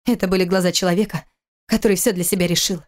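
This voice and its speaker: A woman reading an audiobook aloud in a steady, even storytelling manner. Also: lowish voice, fast. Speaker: narrator. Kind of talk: audiobook narration.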